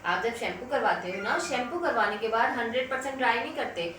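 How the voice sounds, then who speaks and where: Woman, hair instructor, fairly high voice, very echoey room, mic set back. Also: fast, a bit bright. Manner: explains step by step, uses examples. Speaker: beauty instructor. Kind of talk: hair treatment tutorial. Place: salon. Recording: echoey room, mic at distance, faint noise.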